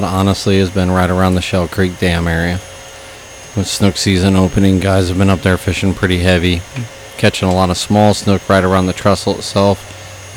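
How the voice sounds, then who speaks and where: A man's voice: sits low, slight background noise, rough recording. A man giving a matter-of-fact fishing report on the radio. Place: radio studio.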